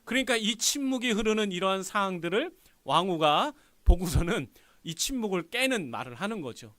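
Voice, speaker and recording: A man's voice: high-pitched, moderate pace, no echo. A male pastor preaching a sermon, telling the story with acted-out lines and questions to the congregation. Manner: animated storytelling, acts out dialogue, asks the congregation questions. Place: church sanctuary.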